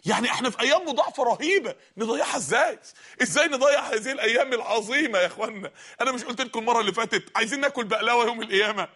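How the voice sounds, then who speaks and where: A man preaching a fervent sermon in an Egyptian Arabic accent, exhorting his listeners and sometimes shouting. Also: very high voice, very fast. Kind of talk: impassioned sermon.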